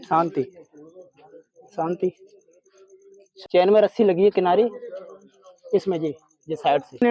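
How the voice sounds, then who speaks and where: A young man works a snake rescue outdoors at night, his fairly high voice dropping to a soft coaxing murmur as he calms the animal. The recording is dry and slightly dull. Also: no echo. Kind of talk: narrating a live snake rescue.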